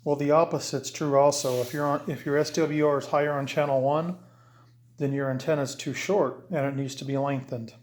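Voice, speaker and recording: In a casual how-to, a CB radio hobbyist handles gear and rambles through radio setup, restarting along the way. His voice is slightly high and steady, and he talks fairly quickly. A little hiss or hum sits under the camera-mic audio.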